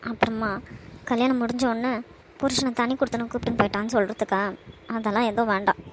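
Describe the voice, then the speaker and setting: A woman's voice: a little high, little pitch movement, fast talker, background noise, close to an everyday voice. A woman voicing a hurt young bride, crying and reproachful, with a Kanyakumari Tamil accent. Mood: tearful. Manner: reproachful, pleading.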